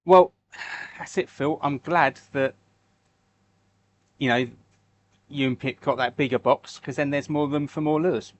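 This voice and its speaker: Slow, relaxed man chatting. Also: fairly high pitch, muffled recording. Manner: relaxed, chatty, reads and answers viewer comments. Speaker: livestream host making fishing lures. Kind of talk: casual live-stream chat while crafting.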